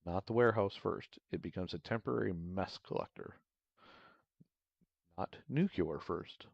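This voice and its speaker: A measured, announcer-like narrator, as a man puts it on with a deep, gravelly tone. It is delivered a little louder than his usual talk. The sound is dry and slightly muffled. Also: no room sound, full character voice. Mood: narrating. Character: steady male narrator reading advice.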